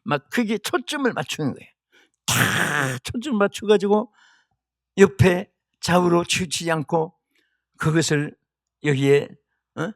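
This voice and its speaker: An older man preaching a sermon as pastor, with emphatic delivery that swings from hushed to shouted. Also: on the high side, animated, moderate pace, dry recording, clean studio sound. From South Korea.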